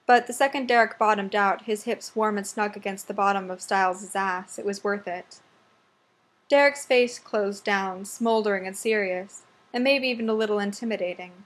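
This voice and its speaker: A woman narrating an audiobook in a soft, measured way, often dropping quieter. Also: mid-range voice. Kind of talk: scripted narration.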